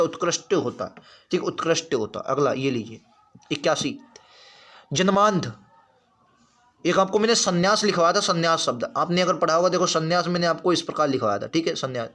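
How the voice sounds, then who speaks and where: Man, teacher, slightly high voice, repeats every word, exam-prep lesson. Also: a bit bright. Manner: repetitive, drills each word aloud.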